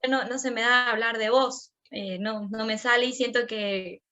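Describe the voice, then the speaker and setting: Woman, Venezuelan Andean accent, high voice, animated storytelling, muffled lo-fi sound. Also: normal speed. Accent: Venezuelan Andean Spanish. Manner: animated, acts out her own and her child's words with sudden rises. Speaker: interviewee, immigrant mother. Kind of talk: emotional personal storytelling. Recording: muffled lo-fi recording.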